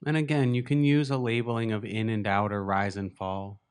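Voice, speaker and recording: With a lowish, clean voice and level tone, a man guides a meditation as its teacher. His pace is gentle and unhurried, marked by long silences.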